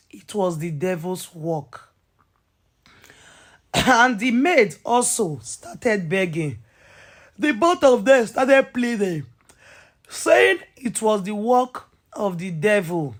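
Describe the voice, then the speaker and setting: A woman narrating a drama story in a chatty way, often turning to ask the listener directly. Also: mid-range voice.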